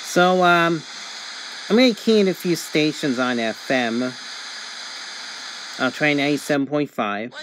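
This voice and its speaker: A man's slightly high voice moves at a measured pace with long pauses as he gives a methodical, matter-of-fact, casual hands-on demo as a reviewer. He's indoors at a table, with background noise and a radio audible.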